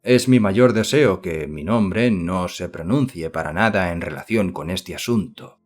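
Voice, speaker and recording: Man voicing a pompous middle-aged gentleman, low voice, formal, condescending. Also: a little slow, faint music behind. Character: stiff, self-important middle-aged male suitor.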